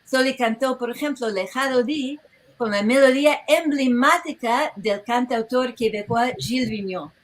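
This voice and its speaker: A woman with a slightly high voice presents as a researcher at an online tribute. She speaks informally and with energy, wandering from point to point and often breaking off mid-phrase. She is heard through a video-call microphone. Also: normal speed, poor audio.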